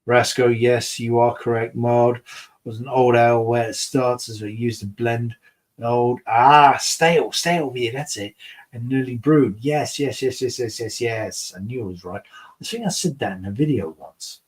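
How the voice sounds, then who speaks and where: A man talks casually with his viewers as he reviews beer. He rambles and mumbles, drifting from one thought to the next. His pitch sits in the ordinary middle range for a man. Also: steady tone, moderate pace. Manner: rambling and mumbling, self-mocking. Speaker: beer reviewer and channel host. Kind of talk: casual live-stream chat, reading viewer comments.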